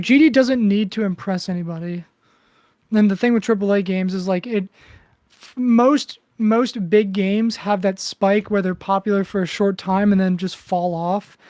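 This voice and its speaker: A co-host talks casually on a podcast in a relaxed, profane way. The voice sits in a middle range. The sound is dry and close to the mic. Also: medium pitch, no room sound. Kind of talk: casual chat.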